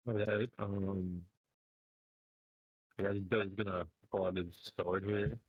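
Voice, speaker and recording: A man's voice: low voice, flat delivery, slow pace, dry recording. A man playing in a tabletop game over a voice call, his audio garbled and breaking up as if underwater, speaking hesitantly. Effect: garbled underwater-sounding call audio. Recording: muffled, distant garbled call line.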